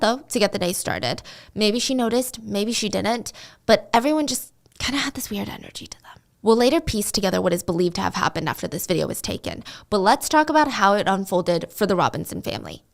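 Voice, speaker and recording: A woman's voice: medium pitch, expressive, brisk, vocal fry. A woman telling a story in a casual, chatty way, with asides and rhetorical questions. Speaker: commentary host. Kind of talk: casual storytelling while drawing.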